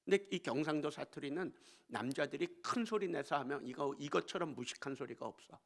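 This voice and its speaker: Gravelly male pastor preaching a storytelling sermon. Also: on the high side, brisk. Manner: storytelling, swinging from hushed asides to emphatic exclamations. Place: church sanctuary.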